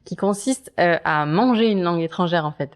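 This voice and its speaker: A woman's voice: on the low side, lively intonation, brisk. A woman hosting a casual conversational interview, asking questions and adding her own examples. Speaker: podcast host.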